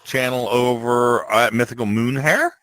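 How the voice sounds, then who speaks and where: A man co-hosting a casual gaming podcast, halting and repeating words as he searches for them. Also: mid-range voice, a bit bright, no echo. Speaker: co-host.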